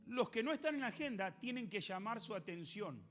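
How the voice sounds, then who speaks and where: A man with an Argentine accent preaching a sermon as a pastor, animated, questioning the congregation and acting out biblical voices. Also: high-pitched, brisk, faint music behind. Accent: Argentine Spanish.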